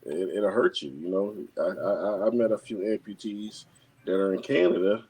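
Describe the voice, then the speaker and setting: Man, guest, low voice, gravelly, halting, repeats words. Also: mellow, rough recording. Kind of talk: casual podcast discussion.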